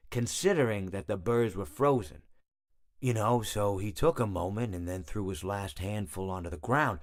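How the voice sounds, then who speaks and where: A man plays a long-winded animatronic hippo from a video game, genial and darkly blasé. His slightly deep voice rises and falls freely as he meanders through his storytelling. He hesitates and corrects himself, always in a rambling monologue. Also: lightly acted.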